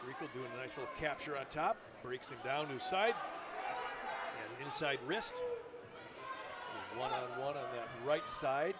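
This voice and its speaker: A man giving excitable live commentary on a high school wrestling match, laughing between calls. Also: a little slow, pauses often. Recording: loud crowd and noise behind.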